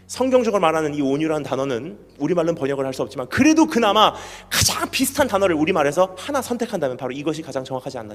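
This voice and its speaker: Male pastor, lively sermon delivery with wide swings in pitch, reverberant sanctuary, soft music underneath. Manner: animated, asks the congregation questions, acts out stories. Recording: reverberant hall with background music.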